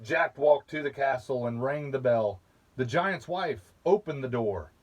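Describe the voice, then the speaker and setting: A man reading a children's picture book aloud, slowly and patiently, pausing to point out the pictures. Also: medium pitch. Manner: slow, patient, with asides about the pictures. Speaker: storybook reader.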